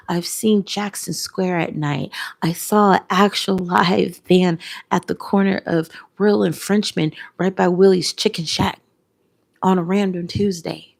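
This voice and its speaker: A woman's voice: lowish voice, vocal fry, a little mellow. A tearful woman, talking in a heartfelt vlog, repeating phrases and sometimes dropping to a whisper. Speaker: content creator. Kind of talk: emotional reflective vlog.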